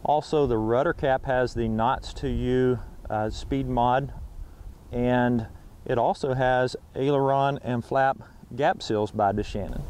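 A man's voice: mid-range voice, darkish tone. A middle-aged man giving a sales walkaround presentation as an aircraft salesman, speaking into a lapel mic. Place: outdoors on an airfield tarmac and inside a small plane cabin.

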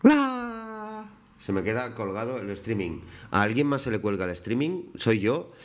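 A man's voice: on the low side, lively intonation, normal speed. A man chatting casually with his viewers on a live stream, greeting them by name while he paints.

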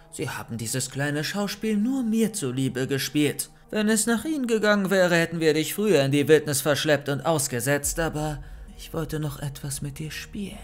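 A man's voice: fairly high pitch, close to an everyday voice. A man reading as a gloating woman villain. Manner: mocking, gloating. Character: scheming young woman villain, cold and taunting.

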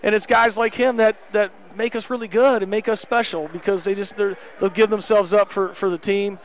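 Talking briskly with little pitch movement in his high voice, a head basketball coach in his thirties speaks candidly after a game. The setting is an indoor gym court, he uses a headset mic, and his emphatic answers are packed with fillers.

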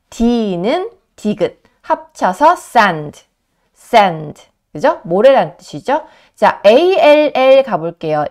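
Patient woman teaching slow, lively phonics. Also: a little high. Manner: patient, spells out letters slowly; asks rhetorical questions and answers them. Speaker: English teacher. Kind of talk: phonics lesson for students.

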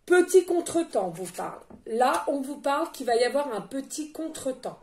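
A woman medium giving a spiritual card reading, gentle and repetitive, often checking in with "d'accord?". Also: sits high, sing-song, normal speed, a little hiss or hum. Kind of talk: spoken spiritual guidance reading. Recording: echoey room.

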